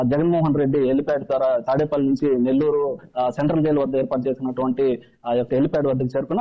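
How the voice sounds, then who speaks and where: A man giving a live field news report in a halting, repetitive way with false starts. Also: mid-range voice. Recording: dull, lo-fi live broadcast feed.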